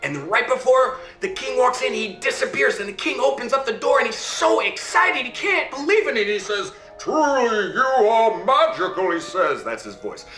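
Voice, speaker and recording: A man's voice: very high-pitched, very animated, moderate pace, hardly any pauses, pushed and bright, reverberant, soft background music, full character voice. A man telling a fairy tale to his child over a video call, voicing the characters and checking in with okay and right. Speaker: father telling a bedtime story.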